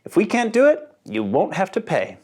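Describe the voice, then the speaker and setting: A man's voice: sits high, huge pitch swings, moderate pace, darkish tone, voice pushed up, full character voice. A man voicing an eager, confident steam shovel operator in a children's storybook, upbeat and emphatic.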